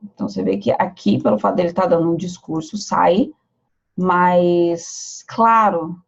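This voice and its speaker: A Brazilian woman teaching English pronunciation, repeating example phrases slowly and explaining step by step. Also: fairly low pitch, steady tone, gravelly, highs cut off. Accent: Brazilian Portuguese. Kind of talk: pronunciation lesson.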